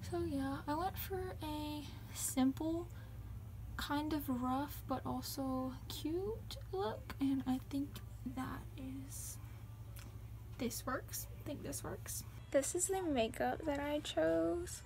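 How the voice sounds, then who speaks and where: Slow and a little mellow, a young woman's high voice comes through poor audio with slight hiss or hum. Vlogging from a small bedroom into her phone camera, held at arm's length and propped on a dresser, she rambles casually and leans heavily on "like".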